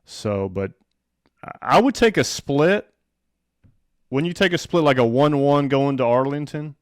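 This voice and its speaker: A man hosting a casual sports chat, talking like an excitable fan. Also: medium pitch, unhurried, no room sound, studio quality. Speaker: podcast host.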